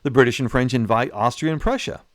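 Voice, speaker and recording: A man giving a casual, animated history lecture, acting out nations as characters. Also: medium pitch, fast, no room sound, clean studio sound. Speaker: history lecturer, channel host.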